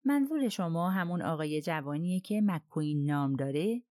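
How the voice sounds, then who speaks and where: A woman's voice: deep voice, expressive, darkish tone, no echo, clean studio sound. A woman reading the part of a persistent foreign detective in an audiobook, probing with polite persuasion. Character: persistent foreign detective questioning witness, man.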